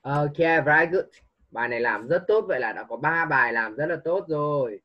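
A man's voice: on the high side, expressive, moderate pace, lo-fi sound. A man tutoring a young pupil one-on-one online, patiently coaxing answers and mixing English prompts into his teaching.

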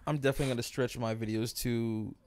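A man in his twenties hosting a casual gaming podcast while streaming, animated and laughing, swinging between loud exclamations and quiet asides. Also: mid-range voice, fast. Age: 20s. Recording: noisy game audio behind.

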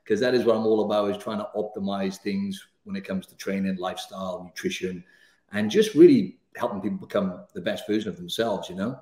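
A Welsh man in his thirties, talking as a podcast guest over a video call. His voice sits low, and he chats in an upbeat, rambling way with plenty of fillers. The sound is a bit roomy, with echo from his room at home. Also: a little mellow. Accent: Welsh, softened by years in Australia. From Wales. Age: 30s. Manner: chatty and upbeat, many fillers like "you know" and "right". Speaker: guest, fitness coach. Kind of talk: casual interview chat. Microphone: studio mic on video call.

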